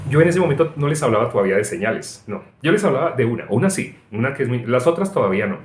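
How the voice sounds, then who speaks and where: A middle-aged man preaching an informal sermon, telling personal stories in an animated way with frequent laughs. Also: mid-range voice, racing, a little hiss or hum. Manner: animated, tells anecdotes, mocks voices, frequent laughs. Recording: echoey room.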